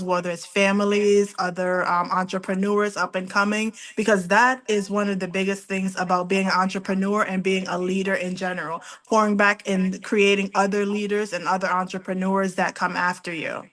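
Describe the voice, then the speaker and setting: A woman's voice: mid-range voice, a bit bright. A woman hosting an interview, affirming her guests and asking them questions. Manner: affirming, encouraging. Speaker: host.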